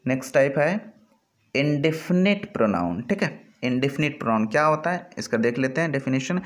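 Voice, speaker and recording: A man with a Hindi accent teaching an English grammar lesson over slides, explaining step by step and often checking in with his students. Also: on the high side. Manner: explanatory, repeats "ठीक है" often.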